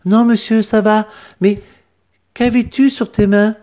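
A man's voice: sits high, flat delivery, a little slow, a little mellow, pitched above the performer's own voice. A man voicing a polite, earnest little boy stuck in a chair.

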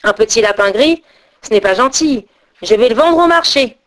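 Scolding storybook farmer, grumbles, lively high voice done by a woman narrator. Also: moderate pace. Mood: annoyed. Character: cross male farmer, grumbling adult.

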